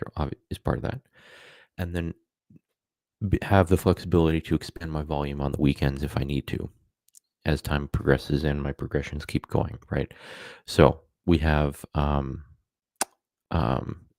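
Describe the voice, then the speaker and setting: A man's voice: rumbling low, a little mellow, dry recording, studio quality. A man talking casually on a live stream, rambling with many fillers and self-corrections.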